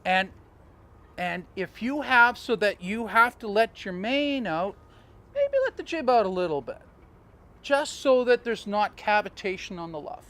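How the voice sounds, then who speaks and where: Man, high-pitched, sailing coach, animated storyteller. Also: a little slow. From Canada. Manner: animated, storytelling, chuckling asides. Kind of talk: outdoor teaching talk.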